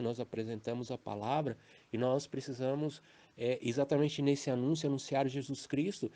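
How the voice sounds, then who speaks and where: A man with a Brazilian Portuguese accent giving a recorded teaching on preaching, measured and explanatory, often tagging his phrases with a questioning "né" or "tá". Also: mid-range voice, creaky, mellow. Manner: measured, explanatory, with frequent "né" and "tá" tags. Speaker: preacher teaching a formation course. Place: home recording for a messaging app.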